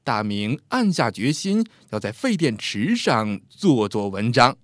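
Expressive male storyteller, lively pitch. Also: unhurried, no room sound, studio quality. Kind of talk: scripted story narration.

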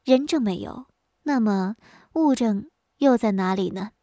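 A woman voicing a calm, clever young village woman who answers with composed sarcasm in a folk story. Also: medium pitch, a little slow, no room sound, clean studio sound, lightly acted. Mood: cool mocking.

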